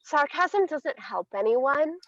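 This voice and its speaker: A woman's voice: sits high, lively intonation, slow pace, dull audio. A woman acting a defensive young woman caught faking, prone to stammering rambles. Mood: evasive. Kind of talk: audio drama acting.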